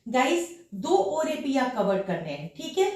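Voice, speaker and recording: A woman with a slightly hoarse voice from a sore throat leads a dance lesson, counting beats aloud as she shows each step. Her voice sits a bit high and reaches the mic from across a very echoey room. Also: big pitch swings, measured pace, a little mellow, far from the mic. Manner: counts beats aloud while demonstrating moves. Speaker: dance teacher.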